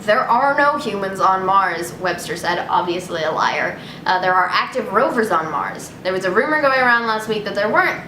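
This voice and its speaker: A young woman hosts a casual show, reading the news aloud and adding irreverent, sarcastic, sweary commentary. Her intonation is lively, her pace moderate with few pauses, and she sits far from the mic in an echoey room with noticeable rumbling noise.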